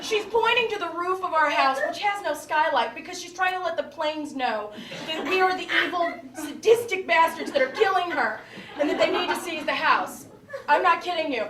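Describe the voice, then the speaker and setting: A woman comedian telling a stand-up story in an animated way, acting out the people in it. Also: extremely high pitch, normal speed, background noise. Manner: animated, voices characters. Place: comedy club. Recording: echoey comedy club, loud crowd, far mic.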